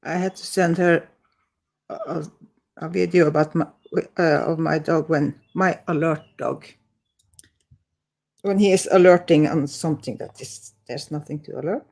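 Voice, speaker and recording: A woman's voice: low voice, steady tone, measured pace, gravelly, darkish tone. A woman co-hosting a casual chat, talking in a chatty, playful way and cooing at pets. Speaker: co-host.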